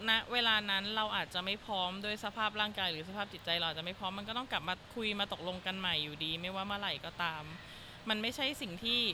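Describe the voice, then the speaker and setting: A woman's voice: mid-range voice, fast, noisy background. A woman guest telling her experiences in a chatty, rambling way, full of fillers. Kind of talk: casual conversation.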